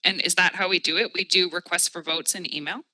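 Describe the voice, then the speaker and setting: A woman's voice: lowish voice, steady tone, quick pace, sharp tone, no echo. A woman on a commission, asking probing, pointed questions about procedure at a public meeting.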